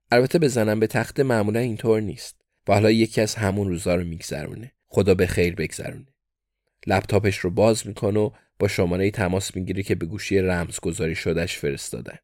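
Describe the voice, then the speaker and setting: A man narrating a story in a dry, deadpan storytelling manner. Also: low-pitched, no echo. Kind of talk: scripted audiobook narration.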